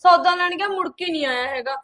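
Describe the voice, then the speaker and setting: A woman's voice: extremely high pitch, fast, a bit bright, no echo. A young woman acting a caring daughter who chats with concern about her brother. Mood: chatty. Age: young adult. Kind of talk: short film dialogue.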